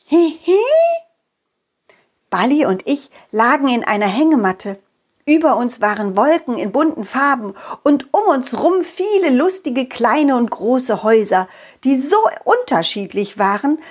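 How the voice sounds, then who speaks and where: A woman reading a children's story aloud in an animated storytelling manner. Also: fairly high pitch, measured pace, husky.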